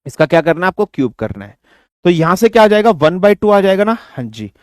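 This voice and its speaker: A man teaching physics in an online exam-prep lecture, mixing Hindi and English, asking and answering his own questions and slowing down to dictate definitions. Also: high voice, sing-song, no echo, studio quality. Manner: slows down to dictate definitions word by word.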